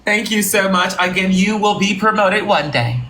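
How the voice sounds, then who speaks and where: A live-stream host playing a company boss in improvised comedy, talking in a mock-formal, drawn-out way. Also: mid-range voice, bright, forceful tone, slight background noise. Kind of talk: improvised comedy role-play with callers.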